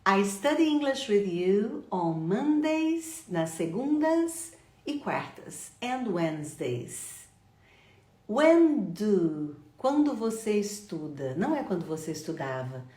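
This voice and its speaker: A middle-aged woman teaching an online English lesson, repeating phrases slowly for her students. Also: mid-range voice, very animated, dark tone. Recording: echoey room.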